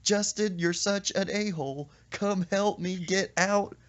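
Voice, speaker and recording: A man voicing a panicked young boy stuck between two fences, whining and pleading in a high voice. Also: a little slow. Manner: high pleading whine, yelling.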